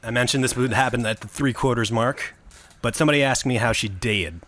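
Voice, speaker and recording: A man's voice: mid-range voice, a little fast, background noise. A man hosting a comedy podcast, telling a story in a crude, mock-dramatic way. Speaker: host.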